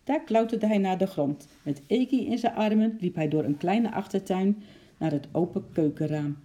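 A storyteller reading a children's story aloud, lively and adding sound effects for the animals. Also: mid-range voice, normal speed.

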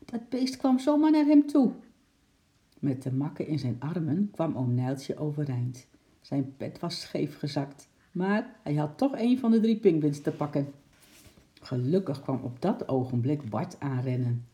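A man calmly reading a children's story aloud, in a steady storytelling manner. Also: on the high side, a little slow.

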